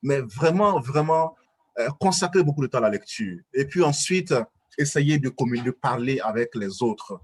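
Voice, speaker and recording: A man's voice: medium pitch, expressive, normal speed, slightly rough. A man with an Ivorian French accent giving earnest advice in a webinar, full of fillers and restarts. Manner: hesitant, many fillers and restarts, urging. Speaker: guest speaker.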